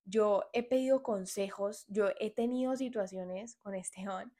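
A woman in her twenties talks on her own podcast in an earnest, frank way, giving listeners advice. Her voice sits at an ordinary middle pitch. She talks in a plain, conversational way. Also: a little slow, dark tone. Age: 20s. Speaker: podcast host. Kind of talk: solo podcast monologue.

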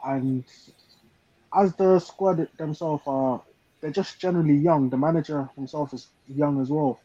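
A man's voice: on the high side, steady tone, unhurried, warm tone, no room sound. A man giving his view as a fan in a casual panel chat, on a dull lo-fi recording. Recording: dull, dry lo-fi sound.

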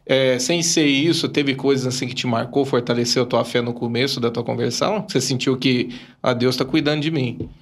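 A man's voice: medium pitch, fairly even intonation, brisk. A man hosting a podcast, asking questions and encouraging his guest with short affirmations. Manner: encouraging, frequent affirming "uhum". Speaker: podcast host. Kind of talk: interviewing.

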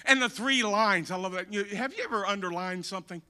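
A man preaching a sermon as pastor, repeating key phrases, rising to shouted peaks and dropping to quiet, conversational asides. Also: sits high, fairly quick, smooth.

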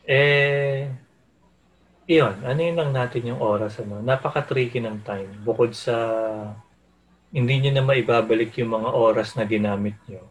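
A man's voice: medium pitch, moderate pace, poor audio. Easygoing man, casual chat. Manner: easygoing, mixes English into Tagalog, laughs often. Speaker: podcast co-host.

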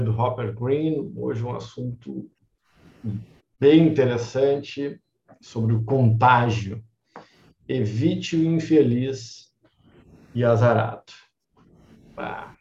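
Gravelly man hosting a book club. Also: mid-range voice. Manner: relaxed, chatty, laughs easily, reads passages slowly. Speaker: host of an online book club. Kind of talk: casual live-stream chat. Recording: roomy, muffled lo-fi sound.

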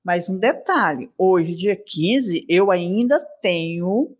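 On her own casual podcast, a woman in her sixties chats affectionately and drifts into asides. Her voice sits on the low side, animated but slow.

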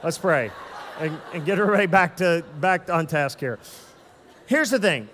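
A man in his thirties preaching a sermon in a casual, animated way, with joking asides to the congregation. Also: a little high, moderate pace, a little hiss or hum. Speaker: pastor. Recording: long hall reverb.

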